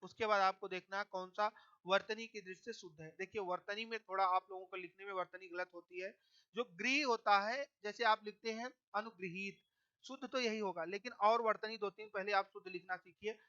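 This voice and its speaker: A teacher with a bright, crisp voice walks through a solved exam paper point by point. Nearly every line ends with a quick check-in, and English words slip into the explanations. The recording sounds dull and lo-fi. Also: medium pitch. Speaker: Hindi exam-prep teacher. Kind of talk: exam-prep lesson going through a solved test paper.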